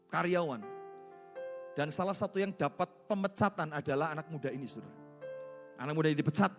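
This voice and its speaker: A man with a high, bright voice preaches in a church, his words trailing off into a long hall echo. He tells a story, slipping into the voices of the people in it, as soft instruments play behind him. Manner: storytelling, acts out voices in dialogue. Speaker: pastor. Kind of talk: sermon with sung worship. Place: church sanctuary. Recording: church hall reverb with music. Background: musical instrument.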